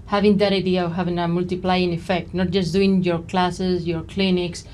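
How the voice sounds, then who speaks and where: A woman with a slightly low voice hosts a casual podcast interview. She asks long, friendly questions and laughs easily. A faint hiss of noise runs underneath. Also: flat delivery, normal speed, darkish tone. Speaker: podcast host.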